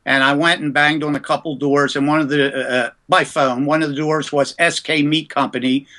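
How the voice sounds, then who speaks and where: A man from the US East Coast, a ventriloquist, telling lively anecdotes about his early career in a casual interview. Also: on the high side, moderate pace.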